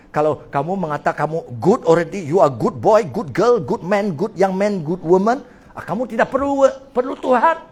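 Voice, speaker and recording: A male pastor preaching a sermon in a lively way, slipping into English phrases and laughing often. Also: a little high.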